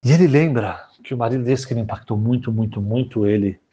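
A man's voice: medium pitch, a little fast, husky, lo-fi sound. A man telling a story to a group, repeating phrases and acting out the dialogue. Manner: animated, repetitive, acts out dialogue.

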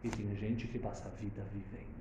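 A man giving a storytelling Torah lesson, chanting Hebrew verses and translating them in an animated way. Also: on the low side, a little fast, echoey room, slight background noise. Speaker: Torah teacher.

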